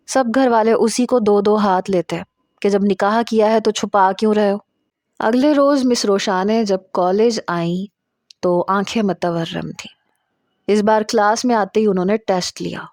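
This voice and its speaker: Woman, first-person romance novel narration, confiding, mid-pitched, dry close recording. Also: darkish tone, dry recording. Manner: confiding, storytelling delivery. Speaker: audiobook narrator.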